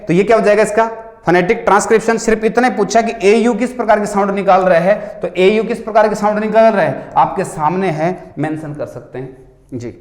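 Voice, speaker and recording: A man's voice: high voice, fairly quick, a little mellow. A man teaching an exam-solution lesson in Hindi with a Rajasthani accent, explaining step by step and answering his own questions. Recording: echoey room.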